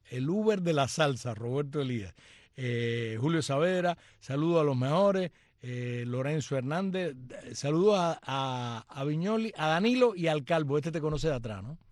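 Male host, slightly high pitch, dry studio sound, chatty, jokey, reads out listener greetings. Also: a little mellow, no room sound. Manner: chatty, joking asides and greetings. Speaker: radio and live-stream host. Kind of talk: reading out listener comments.

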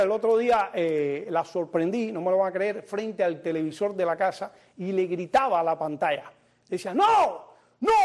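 A comedian host with a high-sitting, slightly mellow male voice performs a stand-up monologue on his show, joking and talking directly to the audience.

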